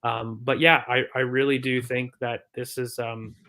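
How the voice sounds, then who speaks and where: A man chats about football on a podcast at an ordinary, mid-range pitch. He thinks aloud with plenty of "um"s and restarts, breaking things down like a physio would. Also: little pitch movement, normal speed, bright, forceful tone. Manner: thoughtful, filler-heavy, explains from a physio view. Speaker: podcast co-host. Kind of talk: casual football chat.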